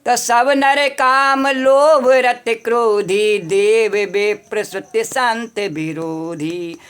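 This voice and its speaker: High-voiced woman preacher telling a devotional story. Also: smooth. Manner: storytelling sermon broken by call-and-response chants.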